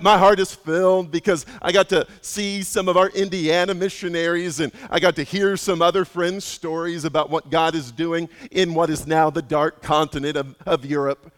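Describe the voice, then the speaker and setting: A man preaching a sermon as a pastor, telling a story earnestly and often restarting and repeating his words. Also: high-pitched. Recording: long reverb of a large hall.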